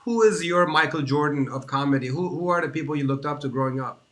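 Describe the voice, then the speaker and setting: A man hosting an interview podcast over a video call, rambling through his questions and repeating words. His voice sits a little high for a man and sounds bright and forward. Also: fast. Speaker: podcast host.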